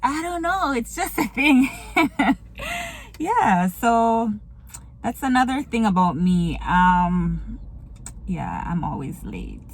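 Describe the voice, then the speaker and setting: This woman's slightly high voice is very animated, yet she takes it slowly and pauses often. A vlogger and small business owner from Kingston, Jamaica, she chats casually with viewers from her car, laughing a lot and slipping into patois as she shares about herself.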